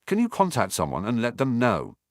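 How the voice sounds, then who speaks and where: A man's voice: mid-range voice, huge pitch swings, fairly quick, no echo, studio quality. A man voicing a brave teenage boy wizard who gives urgent orders, in a fan audiobook. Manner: urgent, commanding.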